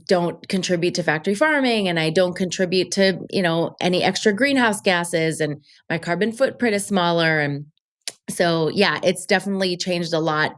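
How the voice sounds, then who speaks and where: Upbeat female podcast guest, slightly low pitch, casual and chatty. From Colombia. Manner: chatty, upbeat storyteller with fillers. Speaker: podcast guest, travel show creator. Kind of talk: casual interview chat.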